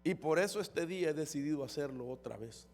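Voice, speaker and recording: A man's voice: on the high side, lively intonation, fairly quick, a little mellow, faint music behind. A man preaching a fervent sermon as pastor, often calling his listeners brother. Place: church hall. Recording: long church hall reverb.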